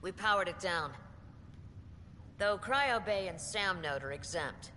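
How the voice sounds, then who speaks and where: A woman's voice: on the low side, lively intonation, unhurried, bright, forceful tone, long reverb tail, slight background noise. A woman voicing a seasoned female starship captain with a matter-of-fact manner.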